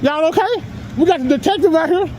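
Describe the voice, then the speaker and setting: High-voiced mocking man filming on a sidewalk. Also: a little fast, a little mellow, slight background noise, low-quality recording. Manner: mocking, taunting, laughs often. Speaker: citizen filming police. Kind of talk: confrontational street talk. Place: outdoor public sidewalk by a street. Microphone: handheld camera he is filming with.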